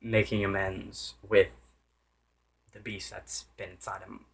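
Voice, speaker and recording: A man's voice: low voice, little pitch movement, takes it slowly, vocal fry, breathy edge. A man giving a casual, unscripted game review, rambling with many restarts and self-corrections and sometimes losing his train of thought.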